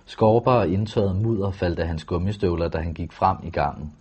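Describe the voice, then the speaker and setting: A man with a low, husky voice reads a first-person novel aloud. His delivery is calm, measured and steady. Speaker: audiobook narrator.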